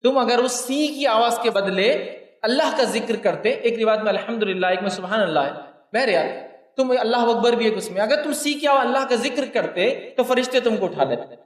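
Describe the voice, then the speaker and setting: A man giving a religious lecture to his listeners. He repeats his points for emphasis and speaks to them directly. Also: very high-pitched. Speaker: preacher. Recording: echoey hall, mic at a distance.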